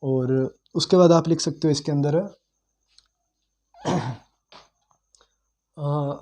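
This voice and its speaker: A young male teacher giving a casual history lecture, repeating key terms and pausing with "uh" as he recalls names. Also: on the high side, dark tone. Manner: conversational, repeats key terms, frequent "uh" pauses while recalling.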